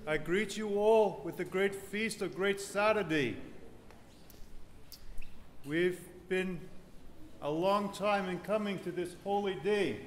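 A priest in his thirties delivers an earnest, unhurried sermon with a fairly high voice, building toward joyful emphasis. His words ring through a large, echoing church with a long reverb tail. A faint hum of the gathered congregation sits behind him. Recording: echoey church hall, reverb, faint ambience.

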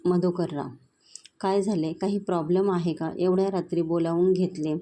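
A woman reads the part of a proud middle-aged father of the groom, shouting and demanding in a storybook reading. The voice sits fairly low and sounds mellow. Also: fairly even intonation, normal speed, close to an everyday voice. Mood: impatient.

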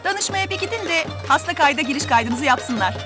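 A woman's voice: high-pitched, lively intonation, fairly quick, over music. An actress playing a polite, matter-of-fact female hospital nurse.

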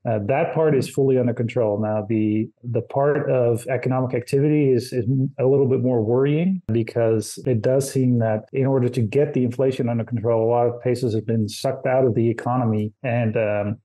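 A man from the Netherlands talks as a podcast guest, his voice warm and mellow. He fills pauses with "uh" while explaining things in a relaxed, casual way. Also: mid-range voice. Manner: hesitant, many "uh" fillers. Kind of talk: casual interview.

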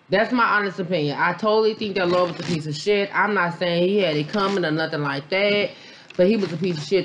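A lowish, fairly bright female voice belongs to a vlogger mom giving a casual reaction review of a documentary. Having had a beer, she's a little tipsy, rambling, blunt, profane, and heavy on fillers.

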